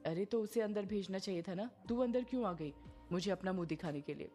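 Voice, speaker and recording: Lady doing a scared bossy village guy, mutters in fear then snaps orders, mellow dark tone. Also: mid-range voice, fairly quick, soft background music, lightly acted. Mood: bullying. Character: panicky blustering village man, middle-aged.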